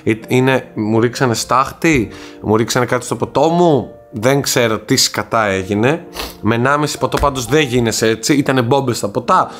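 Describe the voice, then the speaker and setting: A man's voice: mid-range voice, a bit bright, soft background music. A young man with a Greek accent recounts his story in a casual vlog, shaken and repeating himself, speaking frankly to his viewers. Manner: shaken, repetitive, frank retelling. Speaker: vlogger.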